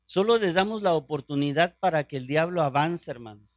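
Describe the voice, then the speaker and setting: A middle-aged man preaching a sermon, impassioned and fervent, dropping to hushed prayer tones and rising again. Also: fairly high pitch, lively intonation, brisk, no room sound. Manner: drops to hushed prayer voice when quoting.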